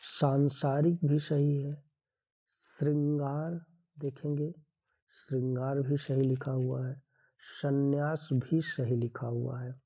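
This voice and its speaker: A man's voice: medium pitch, flat delivery, takes it slowly, dark tone. A man teaching a Hindi grammar lesson for an exam, going through the answers one by one in an explanatory way.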